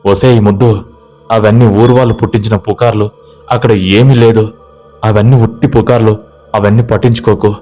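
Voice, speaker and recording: A man's voice: lowish voice, steady tone, faint music behind, natural voice. A man voicing a desperate, hot-headed young village man in a spoken ghost story. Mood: persuading. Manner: pleading, demanding, quick to shout.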